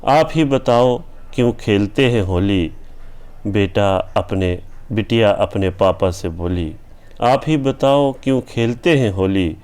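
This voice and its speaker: Indian man, channel host, deep unhurried voice; rhythmic verse recitation with repeated refrains and plain chat between. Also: animated, darkish tone, smooth. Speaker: channel host reciting his own poem. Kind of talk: poetry recitation with spoken commentary.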